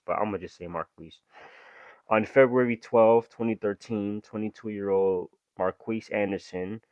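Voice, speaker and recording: A young man reads true-crime stories aloud and drops into loose, slangy commentary between passages. His voice sits fairly low. The recording is dry and a little dull, like a home mic with the highs rolled off. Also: darkish tone, dry recording. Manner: reads story aloud, then breaks off into slangy asides. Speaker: reaction video host. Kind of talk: casual reaction commentary.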